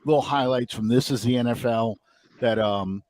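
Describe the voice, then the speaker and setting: A man from the New Orleans area hosts a relaxed sports podcast. He thinks aloud, trails off and fills gaps with ums. The sound is dry and close. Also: medium pitch, normal speed, no echo. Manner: rambling, thinking aloud, many fillers. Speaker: podcast host. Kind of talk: casual sports podcast chat.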